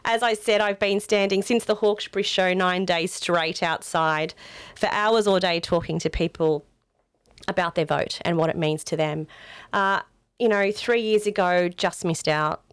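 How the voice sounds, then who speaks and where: A hoarse woman with a croaky voice, earnestly answering interview questions as a political candidate. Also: lowish voice, steady tone, moderate pace, dry recording. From Australia. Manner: earnest, campaign-style, with many fillers. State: hoarse, losing her voice.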